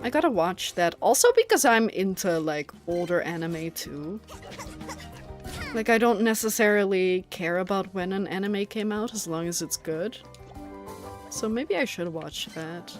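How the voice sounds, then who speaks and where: A young native Dutch speaker from the Netherlands chats casually while streaming a game, rambling with plenty of fillers and often breaking into giggles. Her mid-range voice is expressive and a little slow, with soft music in the background.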